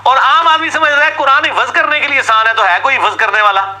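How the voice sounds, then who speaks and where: A man's voice: extremely high pitch, pushed and bright, poor audio. A man giving an argumentative religious talk, asking sarcastic rhetorical questions and mimicking his opponents. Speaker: religious lecturer.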